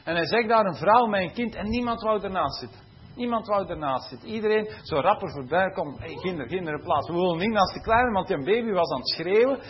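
Preacher, chatty and animated. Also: male voice, high-pitched, brisk, highs cut off, a little hiss or hum. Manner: conversational and animated, laughing at his own stories, tag questions. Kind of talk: sermon.

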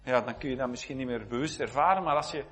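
A man preaching a sermon in a conversational, reflective way, often repeating words and clearing his throat. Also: mid-range voice, fast, fairly bright tone.

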